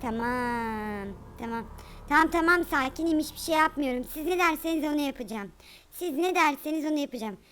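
A woman voicing a brash, tough-talking superhero mother in a comic game role-play, with rough slang and quick repeated bursts. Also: high-pitched, animated, a bit bright, soft background music. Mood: pleading, sarcastic.

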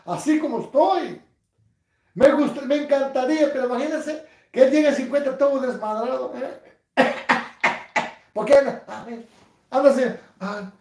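A man, hosting a casual livestream from his couch, reading comments with crude, mocking humor and bursts of loud laughter. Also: very high voice, echoey room. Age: 60s. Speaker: livestream host. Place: living room, seated on a couch at home.

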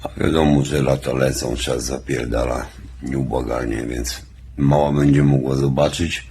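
A man's voice: rumbling low, fairly even intonation, unhurried, darkish tone, a little hiss or hum. A man who sounds stoned, rambling sluggishly and casually to his audience with heavy swearing. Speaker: vlogger.

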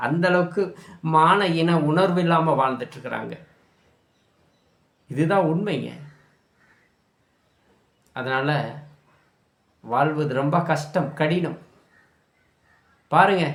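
A man ranting in anger about politics, scolding and shouting at his listeners. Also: fairly high pitch, slow pace, pauses often, echoey room. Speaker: political commentator. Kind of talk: angry political rant.

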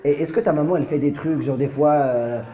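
A man's voice: a little high, brisk. A male stand-up comedian doing live crowd work, teasing audience members and chuckling through his lines. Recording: roomy live hall with crowd noise.

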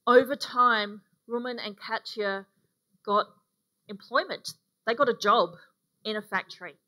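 A middle-aged woman preaching a sermon in a relaxed, conversational way with frequent ums, speaking from a lectern on a church stage. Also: a little high, measured pace. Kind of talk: sermon with a mission story. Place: dark church stage, indoors.

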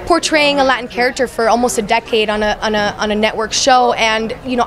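In a crowded venue, a young actress from Miami speaks in a mid-range voice during a casual interview. Her manner is earnest, full of restarts and fillers, and she's captured on a handheld mic the interviewer holds, with crowd chatter in the background.

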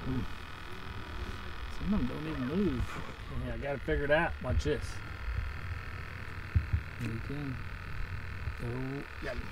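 A man, a fishing guide giving excited play-by-play from a boat and coaxing the fish. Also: medium pitch, unhurried, pauses often, background noise. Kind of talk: casual on-the-water fishing commentary. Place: outdoors on a boat on a lake. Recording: distant outdoor mic, loud frog croaks behind.

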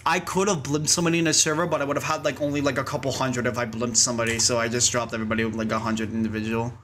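A man's voice: mid-range voice, little pitch movement, rapid-fire, a bit bright, a little hiss or hum. A man live-streaming a game, chatting casually and rambling with lots of fillers and laughs.

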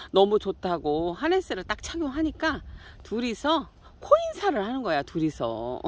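Woman gushing over her cats outside, voice jumps way up and down, faint noise behind. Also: fairly low pitch. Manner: coos and baby-talks to her cats, then explains calmly to viewers. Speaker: cat owner filming her pets. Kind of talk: casual outdoor vlog narration. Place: outdoors on a hillside garden near a road.

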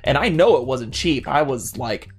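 Animated man on a casual podcast. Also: medium pitch, moderate pace, slightly rough, soft background music. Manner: animated, many restarts and fillers. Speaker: podcast co-host. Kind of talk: casual chat.

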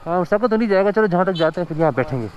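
With a high voice and lively intonation, a Pakistani vlogger chatters rapid-fire while riding his motorbike on a snowy mountain road. He marvels at the scenery and chuckles often, though the recording's highs are cut off.

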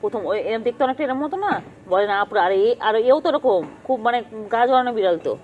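Fast-talking woman cooing at cats. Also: on the high side, lively intonation, phone-quality sound, slight background noise. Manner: cooing, repetitive, affectionate coaxing. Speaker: vlogger filming street cats. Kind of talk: casual chat and baby talk to cats. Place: empty street at night.

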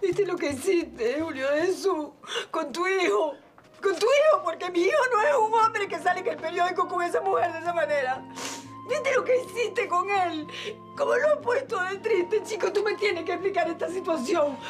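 A woman's voice: very high voice, expressive, normal speed. An actress playing a distraught mother who angrily confronts her husband in a telenovela. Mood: accusing. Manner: accusing, tearful and demanding. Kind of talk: telenovela acting. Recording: soap opera scene with music behind.

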